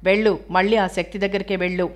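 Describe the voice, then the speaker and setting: A woman's voice: medium pitch, flat delivery, fast, natural voice. A woman voicing a sulky, jealous young girl in an audiobook reading of a novel.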